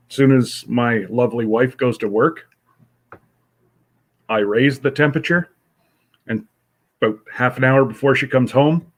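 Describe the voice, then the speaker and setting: A congested middle-aged man hosting a livestream from home, chatting casually in a slow, rambling way with many fillers. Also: medium pitch. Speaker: livestream host.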